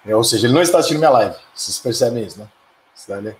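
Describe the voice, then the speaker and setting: A man's voice: mid-range voice, lively intonation, slight background noise. A middle-aged man with a Brazilian Portuguese accent hosting a live stream, reading viewer comments and answering them in a profane, heated, ranting way. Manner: profane, fiery, quick to anger and rant. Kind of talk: casual heated live chat. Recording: echoey room.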